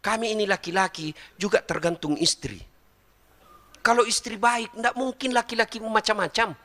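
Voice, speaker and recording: A middle-aged man, preaching a comedic sermon and talking straight to his listeners in a jokey, animated way. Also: sits high, moderate pace, long reverb tail. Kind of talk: comedic sermon to a live audience.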